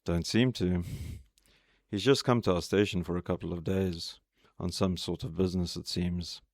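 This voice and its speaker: A man's voice: sits low, steady tone, moderate pace, no echo, studio quality. A man voicing a worried older male guard who asks probing questions.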